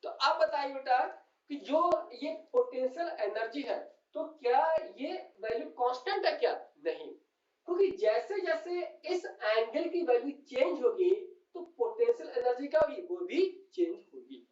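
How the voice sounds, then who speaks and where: This physics teacher's voice is very high-pitched yet darkish in tone, animated and moderately paced. Working on a whiteboard, he repeatedly calls his students "beta" and answers his own questions, heard through a distant, roomy, dull classroom recording.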